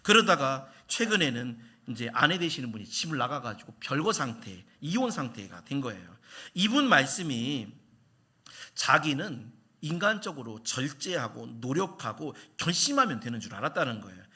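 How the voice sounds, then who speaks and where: A man's voice: mid-range voice, big pitch swings, moderate pace, pushed and bright, slightly rough. A man preaching a Sunday sermon as senior pastor, telling stories and asking the congregation questions.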